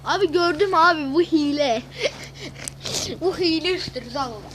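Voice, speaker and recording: High-pitched woman yelling and muttering through a game, kinda jumpy, slight background hum. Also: unhurried. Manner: excitable, swears and exclaims a lot. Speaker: gaming video host. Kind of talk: casual gameplay commentary.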